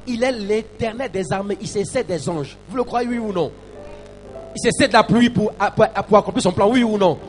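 A male pastor delivering a sermon in a high voice. He stumbles and repeats himself, then drives hard at his listeners with calls and shouted lines. Soft music runs underneath. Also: normal speed, long reverb tail. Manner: preaching with call-and-response to the congregation, rising to shouts; stammers and repeats words.

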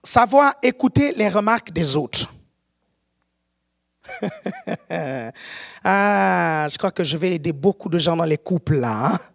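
A woman preacher with an African French accent, delivering an animated sermon, often shouting and keeping the congregation with her. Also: lowish voice, moderate pace.

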